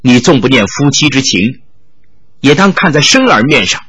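Brief: coaxing, pushy middle-aged official, sly and insistent, voiced by a male narrator, bright tone. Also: medium pitch, big pitch swings, moderate pace, breathy edge, voice pushed down, exaggerated voice. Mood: wheedling. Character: scheming middle-aged male official, wheedling then bullying.

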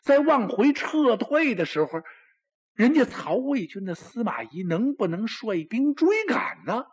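A man's voice: big pitch swings, measured pace, breathy edge. A man performing traditional Chinese storytelling in a dramatic, exclamatory manner. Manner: dramatic, exclamatory, with lots of pitch swings.

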